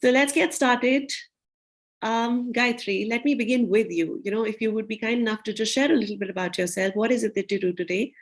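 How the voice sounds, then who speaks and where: A woman's voice: on the high side, fairly quick. A woman hosting a virtual talk show, welcoming guests and inviting questions, with frequent fillers, over a video call.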